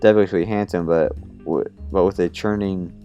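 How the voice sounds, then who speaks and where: A young man reading a film script aloud with stage directions in a flat monotone, often stumbling over words. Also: deep voice, normal speed, highs cut off, soft background music.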